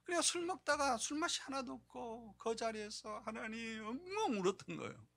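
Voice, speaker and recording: A man preaching a sermon as pastor, animated, swinging between loud emphasis and hushed low delivery. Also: moderate pace, gravelly. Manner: acts out quoted speech in changed voices. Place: church sanctuary.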